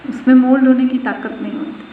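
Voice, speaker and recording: Over a tinny, phone-like line, a woman spiritual teacher sounds distant in an echoey room, with a little hiss or hum. Her high-pitched, steady voice runs a little fast as she gives a devotional discourse, repeating phrases and asking her listeners questions.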